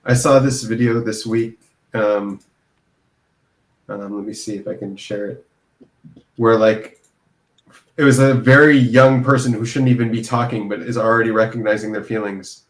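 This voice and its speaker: Guy thinking out loud on a call, kinda echoey room, talks in quick bursts. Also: lowish voice, fairly even intonation. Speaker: hangout participant. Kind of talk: casual group chat. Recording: roomy echo.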